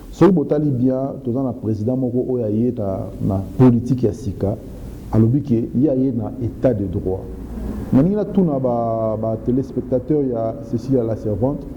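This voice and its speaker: A man answering interview questions in a measured, halting way with frequent restarts. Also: medium pitch, slight background noise. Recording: muffled reverberant studio sound.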